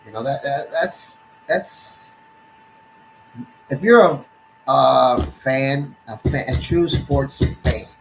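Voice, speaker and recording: On his sports live stream, a middle-aged Texan talks at a mid-range pitch with vocal fry, rambling and halting, restarting sentences and leaning on "you know" and "man." A faint hiss sits beneath his voice in this rough desktop-computer recording.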